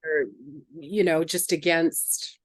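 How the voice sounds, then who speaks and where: A woman's voice: deep voice, steady tone, slow, dry recording, studio quality. A woman hosting an interview, talking casually and hesitantly, searching for her words with many fillers. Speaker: interview host.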